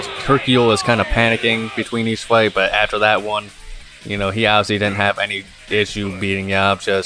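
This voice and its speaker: A man hosting his gaming channel, talking in a monotone, rambling commentary full of fillers as he plays. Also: on the low side. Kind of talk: casual gameplay commentary. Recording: game music playing under the voice.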